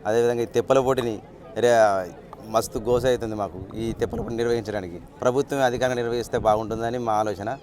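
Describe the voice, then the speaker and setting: A man's voice: mid-range voice, fairly even intonation, fast talker, a little mellow, a little hiss or hum. A man with a Telangana Telugu accent, a fisherman and organiser, speaking plainly and informally, with restarts. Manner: plain-spoken, with restarts and dialect words. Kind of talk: informal account to reporters. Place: outdoors at a lakeside event.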